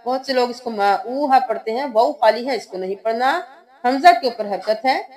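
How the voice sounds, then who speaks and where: A woman's voice: fairly high pitch, expressive, moderate pace, darkish tone. A woman teaching Quran recitation, spelling out letters and vowel marks one by one and then chanting the words.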